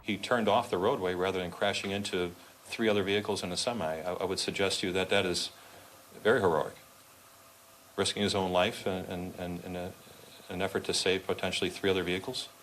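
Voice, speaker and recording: A man, a county sheriff, speaking haltingly in a recorded news interview and repeating words as he searches for them. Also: low-pitched, flat delivery, a bit bright, a little hiss or hum, low-quality recording.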